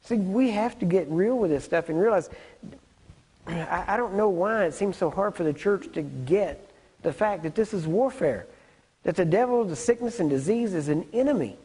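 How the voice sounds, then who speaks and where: Husky-voiced man preaching conversationally. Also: high voice, animated, moderate pace, dark tone, poor audio. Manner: conversational, keeps checking in with "right?" and "you see what I'm saying?". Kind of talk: sermon teaching.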